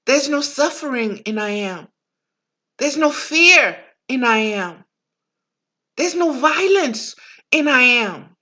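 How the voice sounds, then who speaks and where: A woman's voice: high-pitched, expressive, slow, pauses often, bright, forceful tone. A woman giving a reflective spiritual monologue as a teacher, in a preaching manner.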